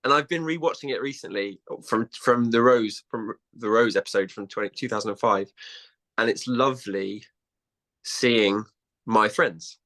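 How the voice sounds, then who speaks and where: A man's voice: fairly low pitch, moderate pace. Chatty man telling stories. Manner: animated storytelling with many restarts. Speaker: guest. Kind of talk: casual chat.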